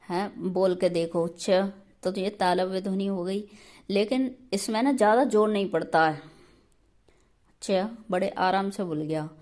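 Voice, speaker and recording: A woman's voice: mid-range voice, darkish tone. A woman teaching an exam prep grammar lesson, explaining patiently step by step and checking in often.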